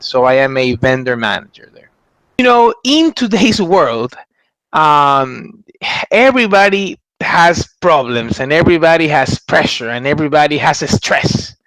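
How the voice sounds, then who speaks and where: A man's voice: on the high side, fairly bright tone, no room sound. A man in his thirties from Ecuador giving an earnest testimonial over a headset mic in a small room, gesturing as he talks and often restarting his phrases. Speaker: MBA graduate giving a testimonial. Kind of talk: testimonial talk to camera. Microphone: headset mic on a video call.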